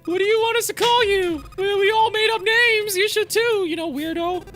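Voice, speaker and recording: A woman voicing a bratty, defiant teenage girl in a game, squeaky, sassy and exaggerated. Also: normal speed, a bit bright, a little hiss or hum. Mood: sassy, contemptuous. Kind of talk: amateur voiced playthrough of a visual novel. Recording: music behind the voice.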